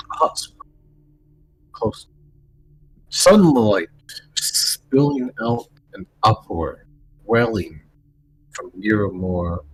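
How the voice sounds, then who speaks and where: A man running a tabletop game as game master, narrating slowly in halting bursts while his audio cuts in and out over a bad connection. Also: on the low side, slight background noise, poor audio. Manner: halting, slow scene-setting with long pauses. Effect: bad connection, audio cutting in and out. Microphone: headset or desk mic on a voice call.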